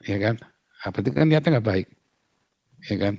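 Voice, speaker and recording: A man's voice: on the low side, animated, moderate pace, vocal fry, dark tone, no echo, studio quality. A man, a pastor, talking in an outspoken casual way, emphatic and full of rhetorical questions.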